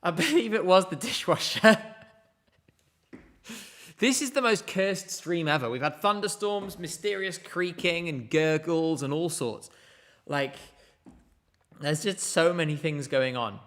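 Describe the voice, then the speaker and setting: A man's voice: a little high, measured pace, pauses often, a bit bright. A man hosting a casual live stream from home, chatting, laughing often and reading out viewer messages. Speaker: livestream host.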